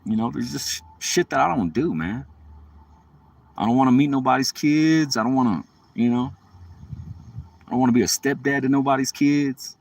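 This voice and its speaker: A man's voice: medium pitch, normal speed, gravelly, long pauses, a little mellow. Profane, rambling man heard from a distance. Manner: profane, rambling, streetwise slang. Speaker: livestreamer. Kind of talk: casual storytelling.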